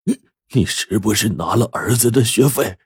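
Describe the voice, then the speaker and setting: A man voicing a gravely ill middle-aged farmer and stubborn father, weak and breathy, sometimes flaring up. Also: on the low side, animated, normal speed, dry recording, clean studio sound, voice pushed up, exaggerated voice. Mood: angry. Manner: weak and breathy, turning fierce.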